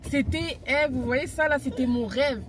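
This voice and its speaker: A young woman from France chatting casually as a guest in a car, relaxed and laughing easily. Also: high voice, moderate pace, slight background noise. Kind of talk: casual interview chat. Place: inside a car.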